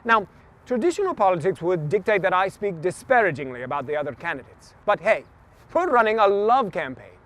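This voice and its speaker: A man's voice: high voice, big pitch swings, a little fast, fairly bright tone. A man hosting a casual interview outdoors, upbeat and full of praise for his guest. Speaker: interview host, mayoral candidate. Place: outdoors in a city near traffic.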